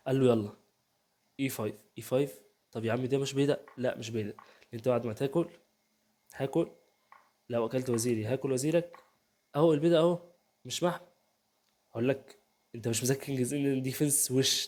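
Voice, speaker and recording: A man's voice: medium pitch, darkish tone. A young man with an Egyptian Arabic accent analyzing a chess game in a casual, chatty way, often checking in with the listener. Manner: rapid, chatty, keeps asking "تمام؟", voices players' banter. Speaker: chess youtuber. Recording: home setup, first video.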